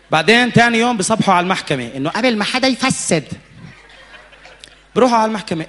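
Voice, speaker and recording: A man's voice: a little high, a bit bright. A man with a Levantine Arabic accent doing stand-up comedy, telling stories as an escalating comic rant and acting out dialogue.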